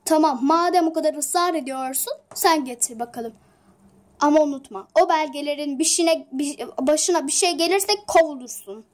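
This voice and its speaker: A demanding company boss, voiced by a woman, in a homemade toy drama. The voice is very high-pitched. The boss talks in a bossy, insistent way. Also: moderate pace, lightly acted. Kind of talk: toy-figure home drama.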